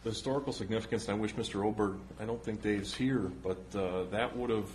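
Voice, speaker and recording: A man's voice: lowish voice, fairly even intonation, brisk, darkish tone, slight background noise, low-quality recording. A man presenting local history at a council meeting, rambling with many restarts. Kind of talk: informal talk at a public meeting.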